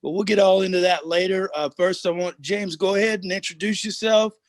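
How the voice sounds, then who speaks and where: Male host, bright-pitched, dry sound, quick friendly questions over video call. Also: steady tone, no room sound. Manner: upbeat, quick, asks questions. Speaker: host of online car club show. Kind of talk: casual hosting on video call.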